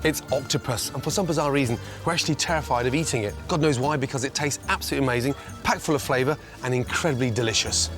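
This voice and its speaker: Male British voice-over, mid-pitched, clipped and emphatic cookery script, music underneath. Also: fast talker, hardly any pauses. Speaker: narrator.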